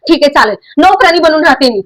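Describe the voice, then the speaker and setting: A woman playing a quarrelsome young wife who answers back with quick, scolding retorts. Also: sits high, animated, a bit bright. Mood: annoyed. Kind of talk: amateur drama acting.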